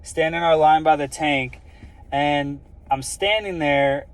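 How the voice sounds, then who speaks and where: A man's voice: fairly high pitch, takes it slowly. Earnest rambling young man telling a story. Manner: earnest, rambling, many fillers like "like" and "um". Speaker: vlogger sharing a personal story. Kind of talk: casual personal storytelling.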